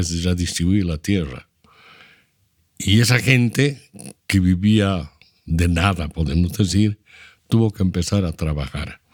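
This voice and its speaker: A very low-pitched man in his seventies speaks with a Bolivian Spanish accent. He explains things at length in a measured, lecturing manner. The recording is close and dry. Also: a little mellow, dry recording. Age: 70s. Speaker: interview guest, architect. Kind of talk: reflective storytelling.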